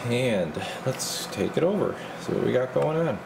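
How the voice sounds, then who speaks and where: In a creaky mid-range voice that is very animated, a radio repair technician works through a hands-on demonstration at an indoor electronics workbench at a moderate pace. He thinks aloud casually in informal, muttered steps, with background noise present.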